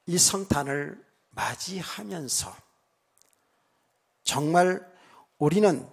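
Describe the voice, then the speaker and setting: A male pastor preaching a sermon, speaking calmly and then suddenly raising his voice to shouting, with a sore throat. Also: sits high, vocal fry, husky. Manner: calm talk that suddenly rises to shouting.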